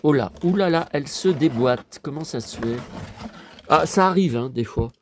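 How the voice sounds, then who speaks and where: A man's voice: a little high, expressive, normal speed, background noise. A man casually presenting his toy collection to viewers, chatty and rambling, talking straight to the audience. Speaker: collector showing his toys.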